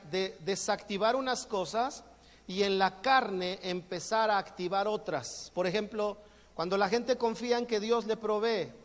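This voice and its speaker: A man with a Mexican accent preaching a sermon as pastor, joking and acting out everyday exchanges. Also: high-pitched. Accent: Mexican Spanish. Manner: jokey, acts out everyday exchanges. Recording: long hall reverb.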